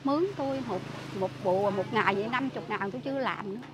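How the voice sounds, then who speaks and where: A woman's voice: medium pitch, quick pace. A woman with a Southern Vietnamese accent tells her account in a rush, indignant and full of restarts. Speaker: interviewee, relative caring for a sick man. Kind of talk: emotional spoken account.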